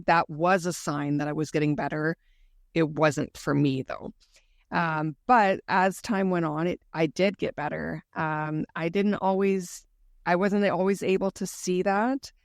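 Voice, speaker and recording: A woman's voice: deep voice, gravelly, no echo. Earnest woman guest, dry close sound. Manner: earnest, candid recounting. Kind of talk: conversational interview storytelling.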